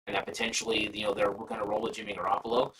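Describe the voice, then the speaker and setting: A man's voice: fairly low pitch, level tone, racing, fairly bright tone, far from the mic, slight background noise, rough recording. Man with a glitchy robotic-sounding voice. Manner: rambling, frequent restarts and fillers. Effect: garbled robotic-sounding audio from a bad connection. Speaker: sports podcast host. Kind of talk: casual livestream chat.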